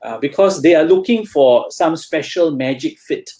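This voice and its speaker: A man's voice: a little high, moderate pace, warm tone. A man with a Singaporean English accent, a tutor being interviewed, talking in a hesitant way with many fillers and restarts. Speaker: guest tutor. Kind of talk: casual interview chat.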